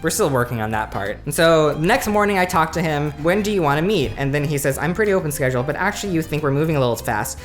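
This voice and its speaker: A man's voice: a little high, expressive, fast talker, hardly any pauses, soft background music. A young man from the USA telling a dating story to camera in a casual, chatty way, full of "like" and "you know" and wry self-mocking asides. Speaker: vlogger.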